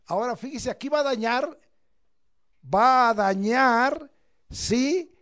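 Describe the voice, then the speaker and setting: A man preaching a church sermon, emphatic, swinging between loud declamation and low asides and drawing out key words. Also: takes it slowly. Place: church service.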